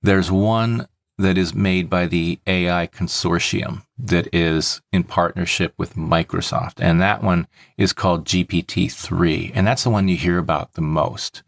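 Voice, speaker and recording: Speaking as a podcast host, a man works through topics in a casual, methodical, explanatory way, his low voice creaky with fairly even intonation. He keeps a measured pace, and the dry sound has no echo.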